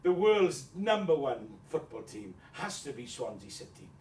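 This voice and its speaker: A man's voice: on the high side, very animated, normal speed, darkish tone. Pantomime dame for a male actor: vain, gossipy, flirtatious widow, coy and gushing, recorded off-mic in a reverberant room. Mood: enthusiastic. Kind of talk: pantomime dame performance in a mock celebrity interview. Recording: echoey room, distant microphone.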